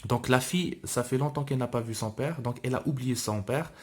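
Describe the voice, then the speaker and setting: A man with a mid-pitched voice reads a novel aloud and explains it to his students. He speaks in a hesitant, halting way, stopping often to restart his sentences. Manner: hesitant, with many fillers and restarts while explaining. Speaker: French teacher.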